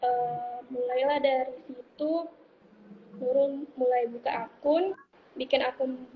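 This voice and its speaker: A young woman in her twenties talks over a phone call, rambling and pausing to search for words. Her voice sits high. The line is narrow and phone-like, with a faint hiss behind. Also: fairly even intonation. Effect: heard over a phone or online call. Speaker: interviewee. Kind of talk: casual interview.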